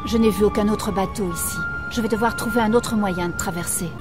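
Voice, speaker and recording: A woman's voice: mid-range voice, fairly quick, lightly acted. A woman playing a thoughtful, inquisitive adventurer who thinks aloud in a French video game. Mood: pondering. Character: inquisitive female adventurer, thoughtful, narrating her discoveries. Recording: loud music over the voice.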